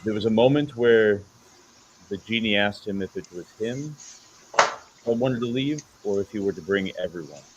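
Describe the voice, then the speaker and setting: A man improvising narration as game master of a tabletop game, telling it dramatically in halting short phrases. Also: fairly low pitch, noisy background.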